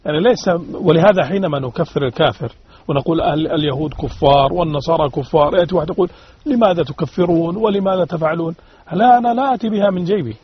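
High-pitched, husky man arguing fast. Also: no echo. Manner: emphatic, repeats points, poses rhetorical questions. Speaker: religious panel speaker. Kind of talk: religious panel discussion, argumentative. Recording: dull radio-like sound.

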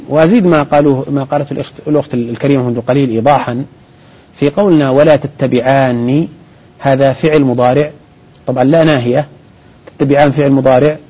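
A man's voice: mid-range voice, breathy edge. Methodical male grammar teacher. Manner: patient, methodical, with many pauses and restarts. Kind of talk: explaining grammar in a call-in lesson. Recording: dull broadcast audio.

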